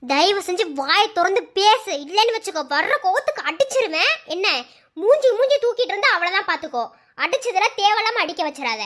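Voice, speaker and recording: A woman's voice: extremely high pitch, very animated, brisk, a bit bright, heavily acted. A woman voicing an exasperated young husband and father who scolds and pleads in a cartoon story. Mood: angry. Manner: scolding, pleading, repeats demands. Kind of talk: Tamil cartoon story voice acting.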